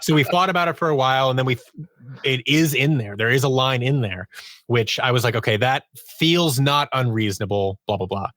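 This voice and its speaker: In a conversational podcast interview, a male audio drama producer and sound designer recounts his creative work and acts out fragments of quoted dialogue. He speaks briskly in a mid-range, fairly bright voice. The recording is dry.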